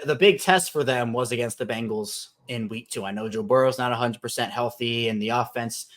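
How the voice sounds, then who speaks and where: Man, podcast host, casual sports chat, mid-pitched voice, restarts as he thinks. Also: a bit bright. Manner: conversational, thinks aloud with restarts. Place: Baltimore.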